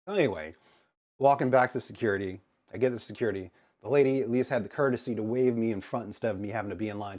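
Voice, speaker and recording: An American man streamer telling a story to his chat in an animated, exasperated way, acting out both sides of the exchange. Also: lowish voice. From United States. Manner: animated, exasperated retelling with quoted dialogue.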